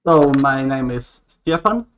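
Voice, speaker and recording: A man in his late twenties from Croatia, a podcast guest, talking earnestly in a halting way with many restarts. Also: medium pitch, expressive, slight background noise. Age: 20s. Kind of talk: casual conversation. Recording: dull lo-fi sound.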